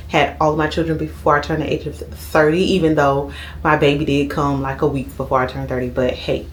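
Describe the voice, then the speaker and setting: Speaking in a low-sitting voice over a faint hiss or hum, a thirty-year-old vlogger talks to her camera from home. It's a relaxed sit-down chat, and she keeps adding "okay?" to what she says.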